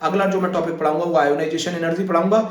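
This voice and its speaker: Male chemistry teacher with a high voice who drills students with repeated questions, recorded far from the mic in a very echoey room. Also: steady tone, very fast. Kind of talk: classroom lecture.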